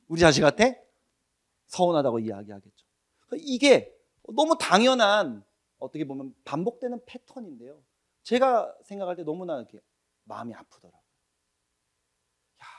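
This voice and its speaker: A man in his forties preaching a sermon to a church group, telling stories with swings from hushed to loud. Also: a little high. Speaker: pastor. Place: church room with an audience.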